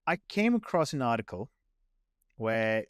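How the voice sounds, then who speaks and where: A man's voice: medium pitch, very animated, clear, resonant tone, no echo, studio quality. A man hosting a podcast interview in casual chat, rambling and correcting himself as he goes. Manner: rambling, self-correcting, pace swings between slow and quick. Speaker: podcast host.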